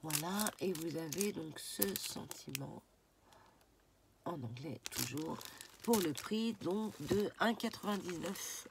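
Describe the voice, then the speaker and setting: A woman's voice: low-pitched, slow pace, creaky, noisy background. A woman with a stuffy, nasal voice chatting casually as she shows off a craft shopping haul, with lots of fillers. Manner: relaxed and chatty, with many fillers and "voilà". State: stuffy, congested nose. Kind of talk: casual haul vlog talk to camera. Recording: paper crinkling and clicks behind. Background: crinkling packaging and clicks.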